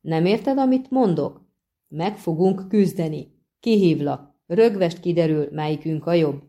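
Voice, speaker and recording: A woman voicing a loud taunting street thug. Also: lowish voice, expressive. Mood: taunting, shouting. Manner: taunting, shouting, spitting insults. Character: brash young male thug picking a fight.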